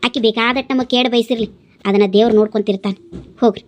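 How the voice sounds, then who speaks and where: A woman, dubbing the voices of a cartoon story. Her voice sits a little high. She speaks in a calm, advising way. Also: very fast, a little hiss or hum. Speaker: voice actor voicing several cartoon women.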